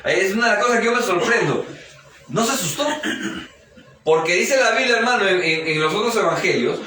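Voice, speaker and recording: A fervent male pastor preaches in a church hall, his fairly high voice ringing back off the walls. He is caught from some distance by the microphone, with a faint hum of ambience underneath. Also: expressive, fairly quick, bright, forceful tone. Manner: fervent, keeps interjecting praise and calling the listener brother. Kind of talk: live church sermon. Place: church hall during a service. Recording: echoey church hall, picked up from afar.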